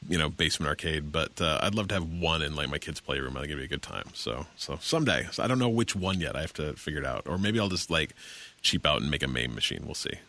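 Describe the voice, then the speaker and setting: A man's voice: rumbling low, animated, fast, sharp tone. A man in his thirties hosting a casual podcast chat, rambling with many restarts and getting enthusiastic. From Seattle area, USA. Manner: rambling, self-correcting, enthusiastic. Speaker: podcast host.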